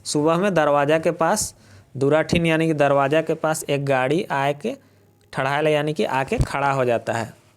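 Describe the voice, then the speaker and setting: A man's voice: fairly high pitch, normal speed, a little hiss or hum. Nagpuri-accented man teaching a play. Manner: reads dialect lines then paraphrases them, asking rhetorical questions. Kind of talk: explaining a Nagpuri play line by line.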